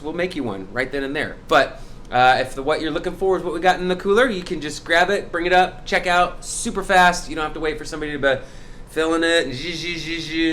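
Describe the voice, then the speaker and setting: A man's voice: fairly high pitch, fairly bright tone, slight background noise. A young man hosting a casual brewery video, chatting in an upbeat way about specials and beer styles with playful sound effects. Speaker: brewery host. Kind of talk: casual promotional vlog chat.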